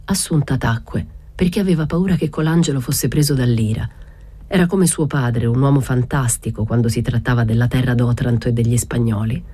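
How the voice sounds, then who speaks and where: A woman reads a literary novel aloud in a steady, measured first-person narration. Her voice is low and husky, with a dark, mellow color. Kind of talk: audiobook reading of a literary novel.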